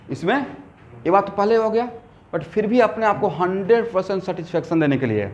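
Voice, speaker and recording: A man teaching chemistry to a class. He asks the students questions and answers them himself, and he mixes English technical terms into his speech. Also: a little high. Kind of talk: classroom lecture. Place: classroom with students, also streamed online.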